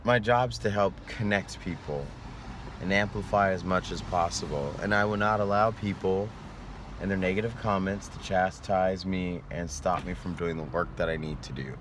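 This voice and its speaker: A man's voice: sits low, normal speed. A man talking to his viewers in a rambling, earnest vlog, sleepy and yawning, sometimes trailing off. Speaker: vlogger. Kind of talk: reflective vlog monologue. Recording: noisy street recording.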